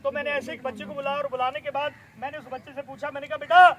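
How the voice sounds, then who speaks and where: A middle-aged man, performing magic tricks for schoolchildren outdoors, loud and showy, coaxing the kids along. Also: very high-pitched, level tone, rapid-fire. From Pakistan. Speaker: stage magician. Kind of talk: live magic show patter for schoolchildren. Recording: noisy outdoor crowd. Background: crowd of children and street noise.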